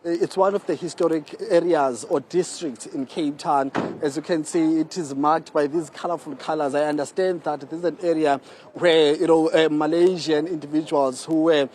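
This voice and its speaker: South African man reporting, fairly high voice. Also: fairly even intonation, moderate pace, a little mellow. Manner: conversational, wordy, frequent "you know". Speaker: TV news reporter. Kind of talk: live on-location report and interview. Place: outdoors on a city street. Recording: outdoor street, faint traffic noise.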